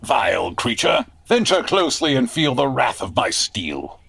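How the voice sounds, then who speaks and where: A man's voice: medium pitch, big pitch swings, measured pace, vocal fry, fairly bright tone, husky, exaggerated voice. A man playing a haughty, blustering villainous sheriff in a comedic audio drama, speaking in pompous archaic English with threats. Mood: menacing, haughty.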